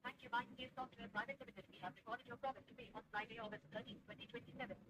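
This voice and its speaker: A woman's voice: fairly high pitch, fairly even intonation, very fast. A synthetic woman's voice making a polite scripted payment reminder call, heard over a phone on speakerphone. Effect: played over a phone on speakerphone. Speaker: automated payment reminder caller. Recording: phone speaker with noise, off-mic.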